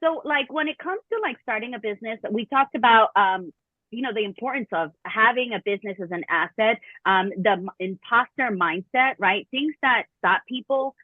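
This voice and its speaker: A woman moderating a conference panel in a lively, casual way, laughing easily. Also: fairly high pitch, normal speed, no echo. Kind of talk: panel discussion. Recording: dry tinny phone-like sound.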